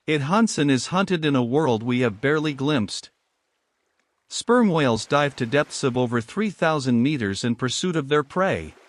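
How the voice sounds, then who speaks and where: Guy doing slow sleepy nature documentary narration, slightly higher voice, dry close sound. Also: no room sound. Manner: measured, unhurried nature documentary delivery.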